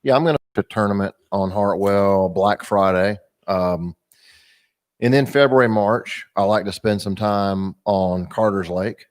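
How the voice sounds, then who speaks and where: Deep-voiced man in his fifties. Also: unhurried. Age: 50s. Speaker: fishing guest. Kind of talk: casual chat.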